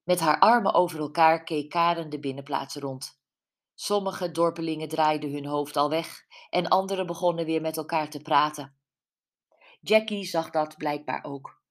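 A woman narrating a mystery audiobook in a calm, even storytelling manner. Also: sits low, normal speed. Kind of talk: scripted narration.

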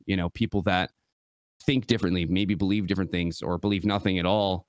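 A young man with a very low, deep voice talks earnestly and casually, peppering his thoughts with "you know." He's from West Michigan. The sound is close and dry, with no room around it. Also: a little fast, no echo. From West Michigan, USA. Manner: relaxed, earnest, many fillers like "you know". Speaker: guest, gaming preacher. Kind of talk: casual interview conversation.

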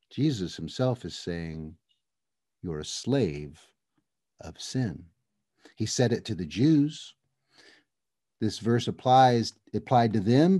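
A male preacher delivering a sermon who speaks straight to his listeners and slows right down to stress verses. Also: on the low side, mellow, dry recording, studio quality. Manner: emphatic, addresses the listeners directly; slows down to stress scripture phrases.

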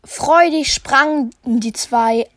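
A fairly high woman's voice reads a fairy-tale parody at a very slow, careful pace, now and then giggling. It sits close to the mic in a dead, dry room. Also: no echo. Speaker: podcast co-host.

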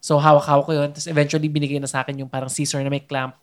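A man's voice: a little high, little pitch movement, rapid-fire. A young man in casual chat, recounting a birth as a meandering storyteller who searches for his words. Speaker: new father recounting a birth.

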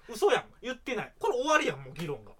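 A young man with a Kansai accent, co-hosting a comedy duo's podcast with teasing banter and loud mock outbursts. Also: high voice, huge pitch swings, rapid-fire. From Hyogo, Japan. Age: young adult. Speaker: comedy duo podcast co-host.

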